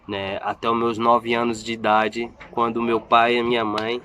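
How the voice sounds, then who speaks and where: A man's voice: mid-range voice, completely flat delivery, moderate pace, a bit bright, echoey room, slight background noise. A man in his thirties from Salvador, Brazil, talking casually to his vlog viewers in a chatty, self-mocking way, often restarting his sentences. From Salvador, Bahia, Brazil. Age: 30s. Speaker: family vlogger.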